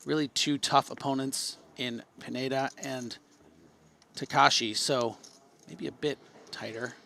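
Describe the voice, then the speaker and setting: A man doing live poker commentary from a booth, chatty and quick to burst into disbelieving exclamations. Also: medium pitch, fairly even intonation, vocal fry, pushed and bright, a little hiss or hum.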